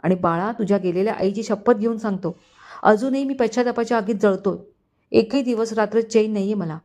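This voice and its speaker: A woman's voice: mid-range voice, fairly quick, darkish tone, close to an everyday voice. Woman reading as a remorseful dad, choked up, pleading, storybook voice. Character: remorseful middle-aged father, pleading and emotional.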